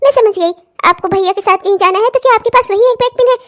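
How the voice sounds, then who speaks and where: A woman's voice: very high voice, fast. A woman voicing a spoiled, demanding young sister-in-law in a cartoon, who talks in a whiny, sulky way. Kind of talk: cartoon voice acting.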